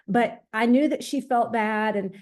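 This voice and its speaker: Female host, middle-aged. Soft-edged, mellow tone, chatty introductions. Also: a little high, a little slow. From small town in eastern Georgia, USA. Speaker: host, team leader. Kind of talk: conversational introduction on a group call.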